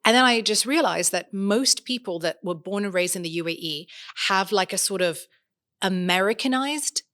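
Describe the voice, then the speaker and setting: A young woman with an English accent, a podcast guest in a lively interview, who sometimes slips into playful put-on accents. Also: medium pitch, moderate pace. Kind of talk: casual interview chat.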